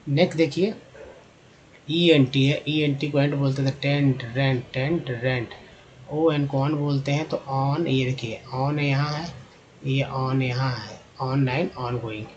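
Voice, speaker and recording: Man teaching pronunciation, drawn-out words. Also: mid-range voice, fairly even intonation, muffled recording, crowd noise. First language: Hindi. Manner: slow, repetitive, drawn-out demonstrations of sounds. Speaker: English teacher. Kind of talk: spelling and pronunciation lesson.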